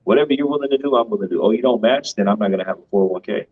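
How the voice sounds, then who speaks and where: A man with a deep, husky voice talks through money matters in a casual, emphatic way, often ending a point with "right?". The recording sounds dull and lo-fi. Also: very fast. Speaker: co-host of a finance show. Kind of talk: casual financial commentary.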